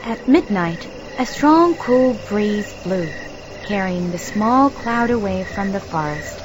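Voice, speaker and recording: A woman narrating a children's story in an expressive, animated storytelling manner. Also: medium pitch, slow, background noise. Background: background music.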